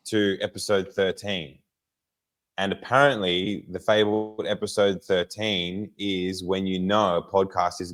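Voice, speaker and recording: A man, hoarse from a sore throat, co-hosting a podcast in casual, self-deprecating chat. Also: sits low. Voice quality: rough, smoker-like voice. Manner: dry self-deprecating banter. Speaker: podcast co-host.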